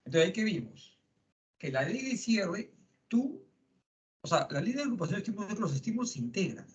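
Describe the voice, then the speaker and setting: Middle-aged man, psychology lecture, higher-pitched, conversational, dull lo-fi classroom sound. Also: sing-song, brisk. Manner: conversational, frequent tag questions. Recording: lo-fi classroom recording.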